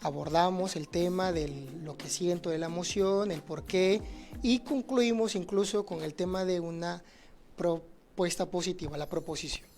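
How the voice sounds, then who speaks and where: A man's voice: high-pitched, fairly even intonation, normal speed, a little mellow. A man, a teacher answering audience questions in a livestreamed talk, earnest and explanatory, often checking in with the listener. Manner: earnest, explanatory, frequent "¿no?" tags and restarts. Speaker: teacher speaking on conflict resolution.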